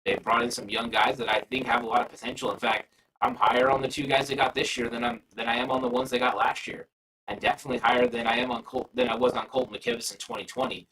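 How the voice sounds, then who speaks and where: A man's voice: medium pitch, fairly even intonation, fast talker, bright, forceful tone, recorded from a distance, poor audio. Man with a glitchy robotic-sounding voice. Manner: rambling, frequent restarts and fillers. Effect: garbled robotic-sounding audio from a bad connection. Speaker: sports podcast host. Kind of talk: casual livestream chat.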